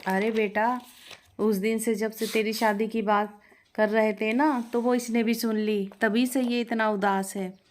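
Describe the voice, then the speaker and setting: A woman voicing a caring mother who gently explains things to her daughter. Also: a little high, little pitch movement, measured pace, close to an everyday voice. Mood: gentle.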